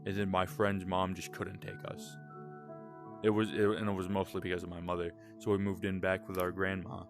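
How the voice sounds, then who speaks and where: A man's voice: low voice, flat delivery, fairly quick, over music. A young man with a Southern American accent, rambling candidly in a casual late-night podcast chat and swearing freely. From Southern United States. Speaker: podcast co-host.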